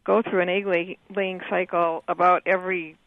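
A male caller on a radio phone-in, his voice high for a man with a gravelly, creaky edge. It comes through a narrow, tinny phone line, and he passes along his points in a matter-of-fact way. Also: flat delivery, normal speed, no room sound. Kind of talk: phone call to a radio show.

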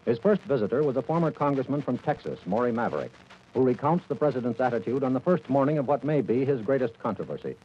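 An American man narrating news in a formal, measured, dramatic old newsreel manner. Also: mid-range voice, animated. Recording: dull, noisy vintage radio recording.

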